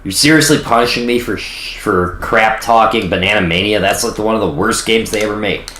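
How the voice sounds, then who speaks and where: A man's voice: lowish voice, a little fast, fairly bright tone, echoey room, a little hiss or hum. A young man casually commentating his gameplay on stream, rambling and self-deprecating. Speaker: gaming streamer.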